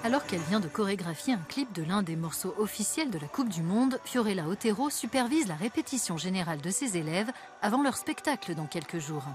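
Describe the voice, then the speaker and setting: A woman reporter reading a scripted news narration in an even, measured way. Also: mid-range voice. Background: background music.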